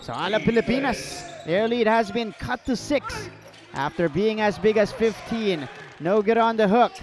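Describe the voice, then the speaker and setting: A man with a high voice calls a live basketball game play by play, firing off short, rapid calls as the action moves. On the big plays he breaks into a shout over the arena. The delivery is brisk and continuous. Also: very animated, over music. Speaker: play-by-play commentator. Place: indoor arena.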